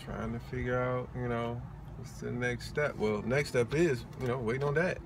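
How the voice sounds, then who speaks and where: A young man in a parked car, bantering and teasing in a relaxed way. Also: medium pitch, moderate pace, gravelly. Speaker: vlogger, younger brother. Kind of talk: casual chat. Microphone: phone camera on the dashboard, at a distance. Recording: distant voice with outdoor traffic noise.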